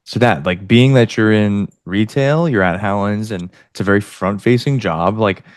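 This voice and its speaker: A young man hosts a casual podcast chat, questioning his father in a deep voice. The sound is dry and close, and he leans on "like" as he talks. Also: moderate pace, dry recording. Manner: asks questions, says "like" a lot. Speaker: podcast host, son.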